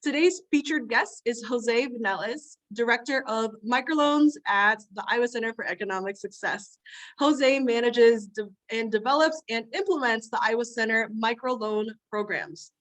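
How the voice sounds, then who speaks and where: A woman opens an online webinar in a fairly high voice, reading her announcements from a script. She sounds welcoming and orderly as she introduces the guest speaker. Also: normal speed, fairly bright tone. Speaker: webinar host, project manager. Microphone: video call mic.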